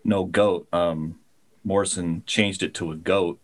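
A man with a very low voice, co-hosting a laid-back comic book podcast. He talks in a chatty way and explains ideas with an easy laugh mixed in. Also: steady tone, measured pace. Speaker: podcast co-host. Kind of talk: casual comic book discussion.

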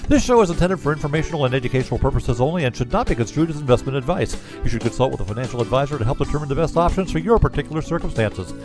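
Very fast legal disclaimer man over music. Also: mid-range voice, lively intonation. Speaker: disclaimer announcer.

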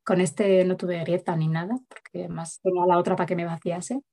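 A woman's voice: lowish voice, little pitch movement, mellow. A woman, telling a personal story as an interview guest in a chatty way full of fillers. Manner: rapid, chatty, many verbal fillers. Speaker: guest mother recounting a home birth.

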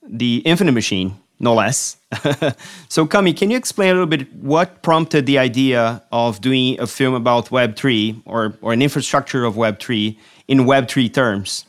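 Halting male interviewer, mid-pitched. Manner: hesitant, restarting phrases. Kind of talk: interview questions.

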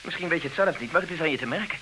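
An actor playing a prying, insistent friend in an old radio play, lecturing in a probing tone. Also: male voice, on the high side, animated, very fast, sharp tone, low-quality recording. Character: meddling, prying family friend. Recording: hissy old radio recording.

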